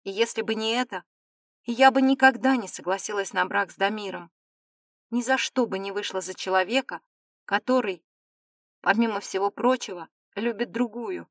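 A woman's voice: mid-range voice, moderate pace, no echo, studio quality, close to an everyday voice. A woman voicing a stubborn, demanding young noblewoman in an audiobook, with firm, insistent delivery. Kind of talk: audiobook character reading.

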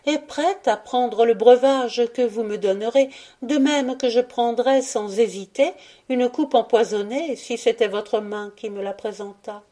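A woman's voice: a little high, a little slow, warm tone, voice pushed up. A woman voicing a devoted, resolute young wife in an audiobook, speaking earnestly and firmly. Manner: earnest, firm and pleading. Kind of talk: audiobook character reading.

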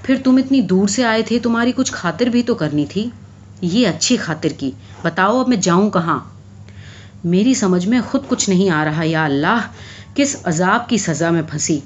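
A woman's voice: mid-range voice, animated, muffled recording, a little hiss or hum, natural voice. A woman reading aloud, voicing a hurt young woman who speaks bitterly and reproachfully to a former lover. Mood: frightened.

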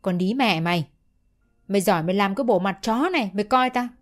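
A woman's voice: medium pitch, fast, faint music behind, natural voice. A woman voicing a drunk, bullying middle-aged stepfather who scolds in a slurred drunken voice. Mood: drunken rage.

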